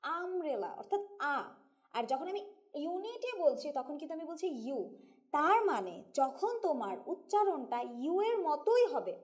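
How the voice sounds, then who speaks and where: A woman's voice: high-pitched, big pitch swings, normal speed. A woman teacher with a Bangladeshi Bengali accent gives a grammar lesson, patiently explaining step by step and asking her students questions. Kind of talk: classroom-style grammar lesson.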